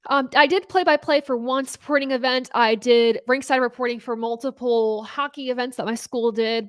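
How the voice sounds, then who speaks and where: A chatty young woman with a higher voice hosts a live racing talk show, casually fielding viewer questions. She's upbeat, laughs often and uses many fillers and restarts, and the studio-quality audio has no room sound.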